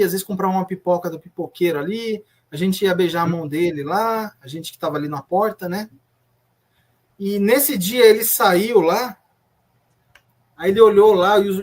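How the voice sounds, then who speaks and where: A man with a Brazilian Portuguese accent, a former church member telling his story in an interview, earnest and reflective, often restarting his sentences. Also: high-pitched. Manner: earnest, reflective, retelling memories with many restarts. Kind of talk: personal testimony in an interview.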